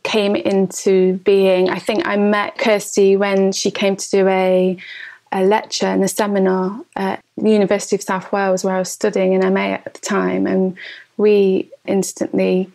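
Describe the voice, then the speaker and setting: A woman speaks slowly and reflectively, choosing her words with care. Her voice stays level and even, with a gravelly fry at the ends of her phrases. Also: medium pitch. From East Midlands of England. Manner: slow, thoughtful, reflective. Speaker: photographer and educator guest. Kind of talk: interview answers.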